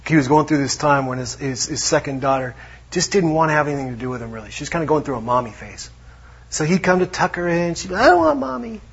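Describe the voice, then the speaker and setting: A man preaching a sermon in a conversational way, dropping to hushed tones for emphasis. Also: medium pitch, quick pace, slightly rough, dull audio. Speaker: pastor.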